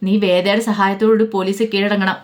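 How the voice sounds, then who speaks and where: A woman's voice: medium pitch, brisk, natural voice. A woman voicing a worried old father. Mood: cautioning. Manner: steady, cautioning, explaining. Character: worried older father, a retired teacher.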